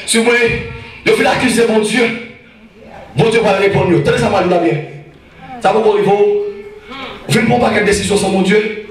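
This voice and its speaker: High-voiced Haitian evangelist preaching far off in an echoey church. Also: male voice, steady tone, normal speed, pauses often. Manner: shouting often, repeating phrases. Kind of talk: preaching a sermon. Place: church sanctuary.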